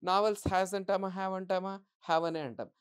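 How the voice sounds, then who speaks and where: In a smooth, steady, medium-pitched voice, a woman delivers an exam-prep English grammar lesson. She asks the class questions and answers them herself, reading the example sentences slowly and deliberately.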